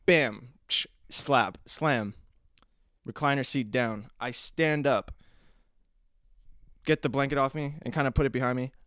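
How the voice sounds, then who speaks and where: Young man with a smooth, dry voice. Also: medium pitch, normal speed, pauses often, no room sound. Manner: rambling, full of restarts and fillers; animated, acting out his own reactions. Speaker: podcast host. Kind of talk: casual storytelling monologue.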